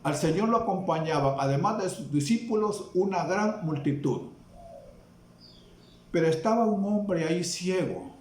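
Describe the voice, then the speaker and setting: A man with a Salvadoran Spanish accent preaching a sermon, slow and emphatic, asking the congregation questions. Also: high voice, lively intonation, darkish tone, a little hiss or hum. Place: church hall. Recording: echoey church room.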